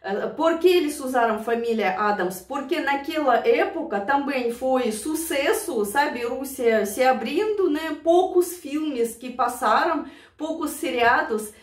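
An expressive, unhurried woman with a high-sitting voice and a Russian accent reminisces casually to her audience. She's from Siberia and reacts to songs on her vlog, and she laughs a lot, gets emotional and addresses viewers fondly. The recording is distant and roomy.

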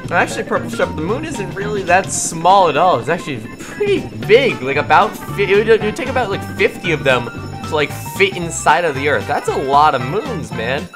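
Excitable high-voiced gaming man. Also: brisk, over music, low-quality recording. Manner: excitable, stammering, yells when scared. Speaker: gaming co-host. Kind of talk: gaming video banter.

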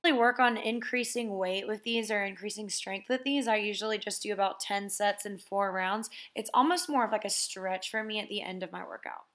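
A young woman, a fitness vlogger, casually talking viewers through glute exercises in a relaxed, chatty way. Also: mid-range voice, fairly quick, hardly any pauses. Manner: relaxed, chatty instruction with "basically" and "so". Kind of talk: casual workout walkthrough voice-over.

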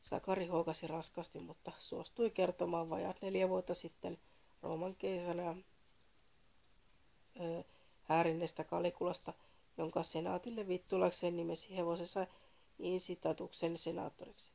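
A woman's voice: fairly low pitch, little pitch movement, gravelly, warm tone. A woman reading a comic story aloud in a dry, matter-of-fact manner.

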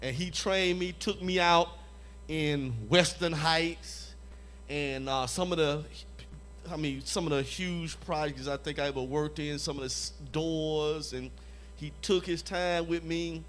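A man's voice: fairly high pitch, fairly even intonation, a little slow, fairly bright tone, faint music behind. A man preaching to a church conference audience, emphatic and repetitive, often asking them for an amen. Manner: emphatic, repeats phrases, calls for "Amen?" from the audience. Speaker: conference evangelism leader. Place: church hall before a live audience.

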